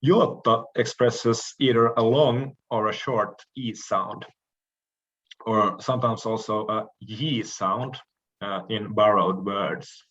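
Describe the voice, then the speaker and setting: A man giving a recorded lecture, explaining each letter in a measured way with frequent pauses and the odd throat clearing. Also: on the low side, fairly even intonation, fairly bright tone, lo-fi sound.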